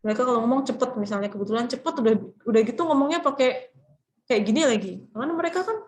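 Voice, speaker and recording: A woman's voice: fairly high pitch, very fast, darkish tone, poor audio. A woman teaching Japanese grammar in an online class, explaining patiently and calling on students to read.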